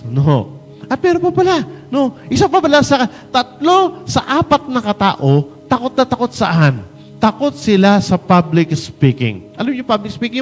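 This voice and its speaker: A Filipino man preaching a sermon in an animated way, mixing Tagalog and English and acting out the voices he quotes. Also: high-pitched, long reverb tail. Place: church hall.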